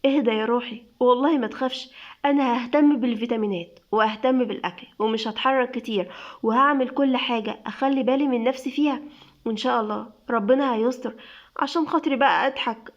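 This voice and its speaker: A playful young wife, newly pregnant, coaxing and teasing in a read-aloud story, voiced by a woman narrator. She speaks with an Egyptian accent in a high voice. The audio sounds dull and lo-fi. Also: close to an everyday voice.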